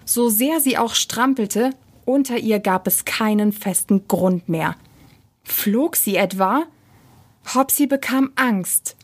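A woman reading a children's story aloud as narrator, calm and unhurried. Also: medium pitch, husky.

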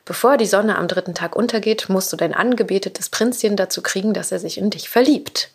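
A woman voicing a sly, scheming sea witch, slow and gloating as she sets her terms. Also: medium pitch, husky.

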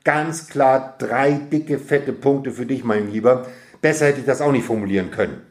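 A man voicing a warm, proud father who gently praises his children during a family quiz in a storybook reading. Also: mid-range voice, normal speed, close to an everyday voice. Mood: pleased. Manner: fond, generous praise.

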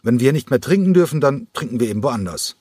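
A man's voice: mid-range voice, animated, fast, a little mellow, husky, no room sound, clean studio sound, voice pushed up. A man voicing a surly bar guest who talks in an unpleasant, rude tone. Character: surly male drinker.

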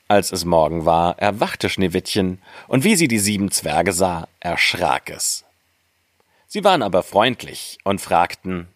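A man reading a fairy tale aloud, slow and expressive. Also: low-pitched, dry recording, studio quality. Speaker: narrator.

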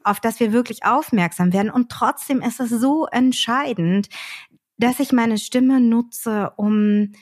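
A woman hosting a podcast conversation, speaking in a thoughtful, measured way while searching for words. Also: fairly high pitch. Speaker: podcast host.

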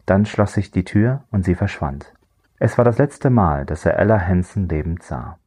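A man narrating a crime thriller audiobook in a measured, dry storytelling voice. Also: low voice, lively intonation, mellow, husky.

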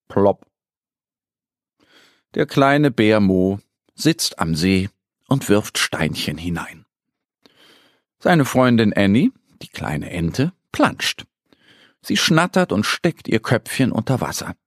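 Man reading a children's story, low voice, sweeping melody, slow, dry close sound. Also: no room sound. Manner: lively, expressive storytelling. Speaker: narrator.

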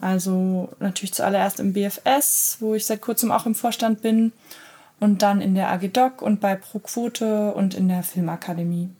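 A woman's voice: mid-range voice, darkish tone. A woman from Berlin, a film editor, answering interview questions thoughtfully with many fillers.

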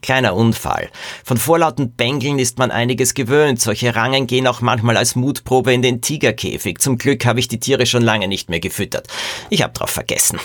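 A man voicing a scheming, gruff male animal trainer in a read-aloud children's mystery, growling low and slow. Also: fairly bright tone, dry recording, clean studio sound, natural voice. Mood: gloating menace.

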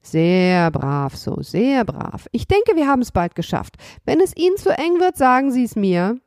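A woman voicing a clever, cheeky puppet boy from a storybook. He talks briskly, coaxing and bossing, in a somewhat high voice, recorded dry and close. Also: big pitch swings, a little mellow, no room sound. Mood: coaxing, sly.

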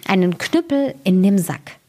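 A woman's voice: medium pitch, big pitch swings, a little slow, mellow. A woman voicing a confident, clever young male turner in a storybook fairy tale, giving firm commands.

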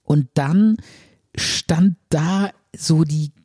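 Male podcast co-host, rambling storyteller, slightly high, dark husky tone, dry close mic. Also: drawn-out words, no room sound. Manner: rambling, hesitant storytelling with many fillers. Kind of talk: casual chat, telling a dream.

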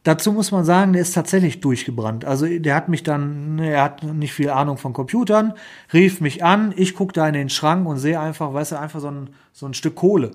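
Guy co-hosting a chat podcast, fairly high voice, tells stories with lots of energy, plays out phone calls. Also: a little fast. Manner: animated storyteller, acts out phone dialogue. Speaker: podcast co-host. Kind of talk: casual chat.

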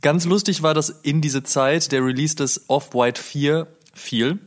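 A man's voice: a little high, unhurried. A man co-hosting a casual podcast, talking in a chatty, rambling way with frequent fillers. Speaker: podcast co-host.

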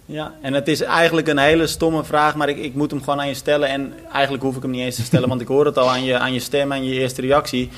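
A man's voice: medium pitch, little pitch movement, fast, few pauses, fairly bright tone. A man hosting a podcast interview, talking in a chatty, enthusiastic way that often trips over his own words. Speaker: podcast host.

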